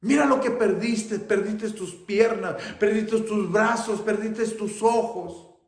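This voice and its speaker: A man's voice: expressive, takes it slowly, roomy sound. A man voicing a grieving mother whose son came home maimed from war, speaking Spanish with a Mexican accent. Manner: high, loud, pleading and wailing. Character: grieving mother of a wounded soldier, woman, middle-aged.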